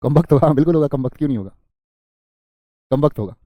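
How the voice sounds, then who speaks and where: A man's voice: fairly high pitch, lively intonation, very fast, mellow, no echo, studio quality. A man teaching an exam-prep grammar class live, repeating word lists, quizzing students and answering their chat comments with small jokes.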